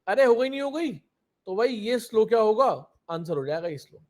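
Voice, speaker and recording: A man's voice: high voice, lively intonation, brisk, darkish tone. A young man teaching a live online coding class, explaining step by step and keeping on asking his students if they understood.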